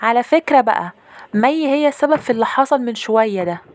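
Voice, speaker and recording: Woman voicing a little girl, high childish voice, stubborn, quick, dry close sound. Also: animated, no room sound, natural voice. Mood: accusing. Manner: high childish pleading, bursting into shouts. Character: young girl, stubborn and defensive.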